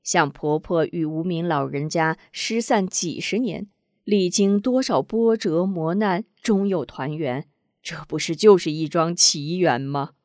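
A woman's voice: fairly low pitch, a little slow, a little mellow, no room sound, studio quality, lightly acted. A woman voicing an earnest middle-aged mother in a storybook tale, explaining things at length.

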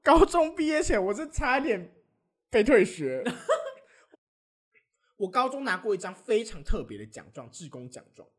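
A young man, co-hosting a podcast and telling stories in casual, animated chat. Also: high voice, unhurried, long pauses. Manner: animated storytelling, often laughing. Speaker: podcast co-host.

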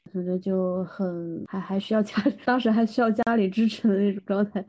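A woman's voice: medium pitch, steady tone, fairly quick, warm tone, highs cut off. A woman in her twenties co-hosting a casual podcast chat, laughing between remarks. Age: 20s. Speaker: podcast co-host.

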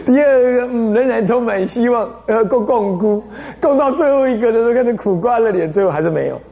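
Taiwanese monk giving a dharma talk, lots of "you get it?" questions, mellow tone. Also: male voice, extremely high pitch, fairly quick, gravelly. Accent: Taiwanese Mandarin. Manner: animated storytelling, frequent rhetorical questions. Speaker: Buddhist abbot teaching. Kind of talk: dharma lecture.

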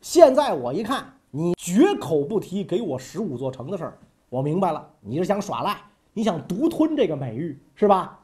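A man voicing a bold, fiery male envoy who blusters and shouts threats. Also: high voice, sing-song, a little fast, few pauses. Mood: defiant.

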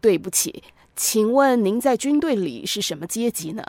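A woman reading a story, voicing a calm, gracious male emperor who speaks politely and gently teases. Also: dry recording. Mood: courteous. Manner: polite, unhurried, lower voice.

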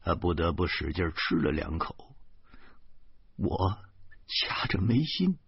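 Deep, slow man narrating an audiobook. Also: vocal fry, slightly rough, no echo. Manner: lively storytelling with dialogue. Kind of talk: audiobook narration in first person. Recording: dull lo-fi audio, dry.

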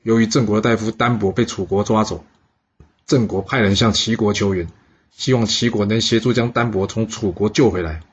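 A man telling a historical story with lively, dramatic narration, in a husky voice on a dull recording. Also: lowish voice, brisk.

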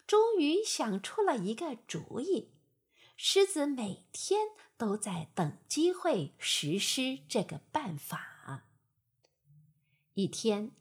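A woman reads a bedtime fable at an unhurried pace, her voice soft and breathy. Her pitch rises and falls widely as she tells the story. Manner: gentle, expressive storytelling.

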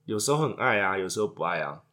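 A man's voice: fairly low pitch, sing-song, quick pace, a bit bright. A man, co-hosting a casual chat and trading crude jokes. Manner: joking, crude banter. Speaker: podcast co-host.

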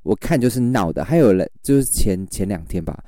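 A man's voice: lowish voice, brisk, no echo. A man, a livestream seller telling stories in casual chat and acting out his customers. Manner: animated storyteller, acts out customers.

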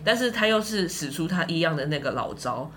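Bright-voiced Taiwanese woman telling stories. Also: sits low, brisk, slight background noise. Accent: Taiwanese Mandarin. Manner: animated storyteller, laughs often. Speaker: guest. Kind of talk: casual podcast chat.

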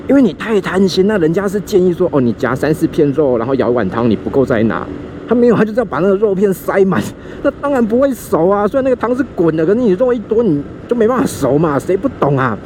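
Man, taiwanese mandarin accent, quick animated storytelling, mellow voice, faint traffic noise behind. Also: medium pitch. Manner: animated, acts out quoted voices. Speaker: podcast host. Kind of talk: casual storytelling while riding a scooter. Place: outdoors on a motorbike in city traffic. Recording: faint street and vehicle noise.

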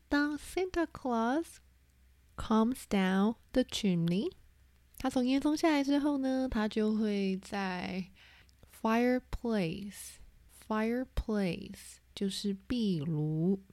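Slow, mellow-voiced woman teaching vocabulary. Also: mid-range voice, dry recording. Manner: spells words letter by letter, repeats terms. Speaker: English teacher. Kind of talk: vocabulary lesson.

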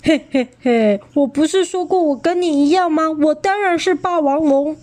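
A woman's voice: high voice, normal speed, darkish tone, pitched above the performer's own voice, natural voice. A woman voicing a sly, menacing grown male tyrannosaurus in a storybook reading, with sneering chuckles and an insistent manner.

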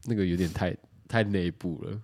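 A man's voice: low-pitched, fairly even intonation, moderate pace, darkish tone. A man with a Taiwanese Mandarin accent, co-hosting a podcast and telling a story in casual chat, laughing often and swearing casually. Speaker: podcast co-host.

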